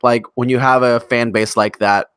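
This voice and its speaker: A man's voice: mid-range voice, steady tone, moderate pace, a bit bright, clear, resonant tone, dry recording, studio quality. A man co-hosting a casual music chat show, talking with rambling enthusiasm and casual swearing. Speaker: podcast co-host.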